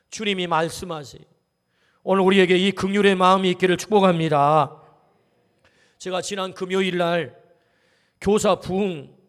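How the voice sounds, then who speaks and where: A male pastor preaching a sermon in a church, talking animatedly and putting questions straight to the congregation. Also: on the high side. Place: church sanctuary. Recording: long reverb of a church hall.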